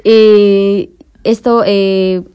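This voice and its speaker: A young woman from the Philippines with a Filipino accent, speaking halting non-native Spanish as a radio guest, searching for simple words. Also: medium pitch, flat delivery, warm tone, clear, resonant tone. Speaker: interview guest. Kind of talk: live radio interview.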